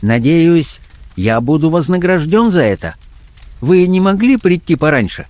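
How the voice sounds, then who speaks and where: A man's voice: fairly high pitch, sing-song, unhurried, a little mellow, dry recording, voice pushed up. A man voicing a smug, menacing middle-aged male blackmailer, talking down in a sneering, condescending way. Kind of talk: audiobook character voice.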